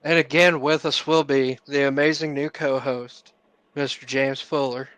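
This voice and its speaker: Bright-voiced man joking on a podcast. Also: mid-range voice, fairly even intonation, normal speed, no room sound. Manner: laughing, crude banter. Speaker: podcast co-host. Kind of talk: casual chat.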